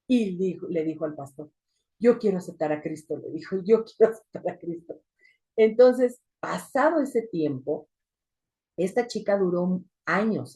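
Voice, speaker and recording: A woman's voice: medium pitch, warm tone, husky. A woman teaching a church women's group, telling a deliverance story with sudden emphatic rises. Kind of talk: testimony teaching.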